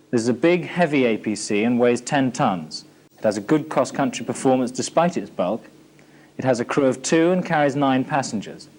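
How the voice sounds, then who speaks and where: A British male narrator with a medium-pitched, darkish voice presents a military training film. The scripted instructional narration is formal and matter-of-fact, taken from a 1980s archive training film soundtrack.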